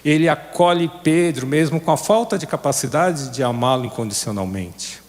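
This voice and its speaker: A man's voice: fairly high pitch, normal speed. A man preaching in a conversational way at a recovery group, asking his listeners questions. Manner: conversational, asks the audience questions. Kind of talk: sermon. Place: church hall. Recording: long reverb of a hall.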